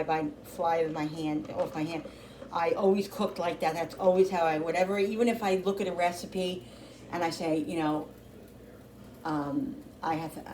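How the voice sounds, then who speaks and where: Middle-aged mom, cooking vlog host; chatty and rambling, slightly low voice, faint room hum behind. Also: female voice, a little mellow. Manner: rambling, chatty, with many restarts. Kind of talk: casual chat while cooking.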